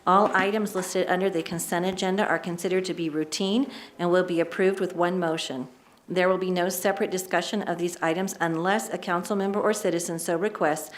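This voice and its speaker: A woman chairing a city council meeting, brisk and procedural with friendly asides. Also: fairly low pitch. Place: council chamber. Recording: echoey chamber mic.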